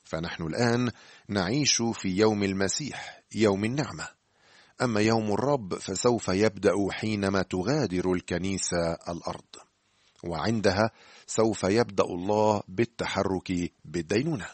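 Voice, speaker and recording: A man giving scripted radio Bible teaching, speaking to the listener in a measured, earnest way. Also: lowish voice, dry recording.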